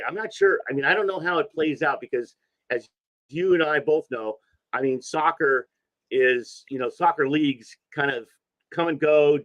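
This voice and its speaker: A man's voice: a little high, a bit bright, no room sound, poor audio. Rambling male soccer show host, dry sound. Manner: rambling, restarts and repeats words. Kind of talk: interview questions.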